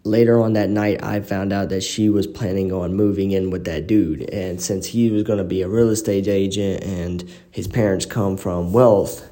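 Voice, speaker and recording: A man hosts his podcast in a loose, rambling way, peppering his story with fillers. His voice sits low and mellow. It is recorded on a phone in an apartment living room, and the bare walls wash every word in echo. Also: steady tone, normal speed, hardly any pauses. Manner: rambling, frequent "you know" fillers. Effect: echoey room reverb. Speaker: podcast host. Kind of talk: casual personal storytelling.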